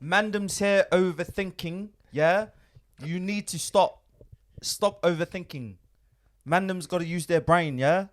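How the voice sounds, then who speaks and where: A man's voice: high voice, measured pace. A man putting on a swaggering young London man with clipped slang, sounding bossy. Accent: London imitation.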